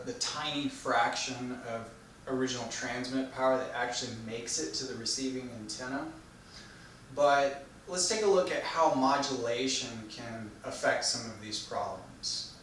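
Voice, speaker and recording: A man delivering an explanatory technical speech in a measured, didactic manner, posing questions and then answering them. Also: medium pitch, a bit bright. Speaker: presenter giving an informational speech. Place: echoey room, recorded from a distance. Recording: very echoey room, distant mic, faint noise.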